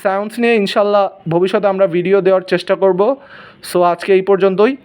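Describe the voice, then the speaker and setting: A man with a notably high voice teaches the English alphabet in a relaxed, casual tone. He slows down and stretches out each sound as he demonstrates how it should be said. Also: clear, resonant tone. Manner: slow, drawn-out demonstration of sounds. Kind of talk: casual spoken lesson.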